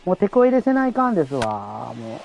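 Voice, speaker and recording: A man's voice: on the high side, huge pitch swings, fairly quick, vocal fry, darkish tone, rough recording. A man talking casually and playfully while he plays a baseball video game, with lots of fillers. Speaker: gameplay video host. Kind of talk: casual game commentary with dubbed voices.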